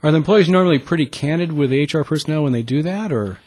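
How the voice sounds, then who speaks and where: A man interviewing a guest, asking brisk, direct questions. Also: a little high, darkish tone, no room sound.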